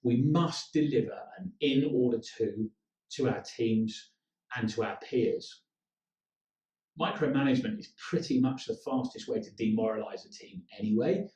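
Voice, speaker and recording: A man delivers a leadership training talk, direct and instructive, with a medium-pitched voice. He is picked up from some distance in an echoey room. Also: moderate pace, darkish tone. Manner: direct, instructive, with acted-out quotes.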